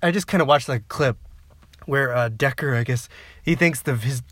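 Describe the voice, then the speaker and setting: A man's voice: mid-range voice, moderate pace, a bit bright, dry recording. A young man chatting casually about TV shows, rambling and laughing often. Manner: rambling, laughs a lot, swears.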